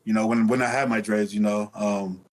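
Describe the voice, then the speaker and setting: A man's voice: fairly low pitch, fairly even intonation, brisk. Candid man telling stories in casual streetwise slang. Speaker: interview guest. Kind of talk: casual interview storytelling.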